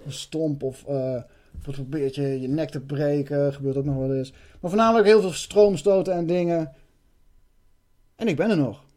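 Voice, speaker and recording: Brief: a high-voiced man, intense and halting, sharing a spiritual story. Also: dark tone. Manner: intense, swearing, hesitant restarts.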